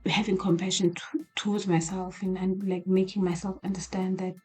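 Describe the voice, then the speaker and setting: A woman's voice: fairly low pitch, flat delivery, moderate pace, slightly rough, faint music behind. A woman whispering a candid late-night diary vlog in a small apartment, rambling with many restarts. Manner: hushed whispering. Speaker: video diarist.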